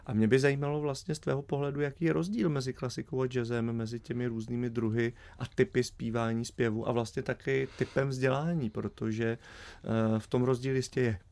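A man hosting a radio interview, asking long, halting questions full of fillers. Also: mid-range voice, flat delivery, darkish tone. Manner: hesitant, drawn-out questions with fillers. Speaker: radio host.

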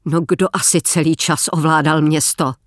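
A man voicing a young woman in an audiobook, grieving and defiant, speaking quietly and plainly. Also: on the high side, steady tone, no room sound, clean studio sound, lightly acted.

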